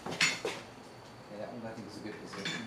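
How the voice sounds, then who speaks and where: A man's voice: lowish voice, little pitch movement, normal speed. A laconic man making brief, casual remarks. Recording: distant, echoey, very noisy workshop.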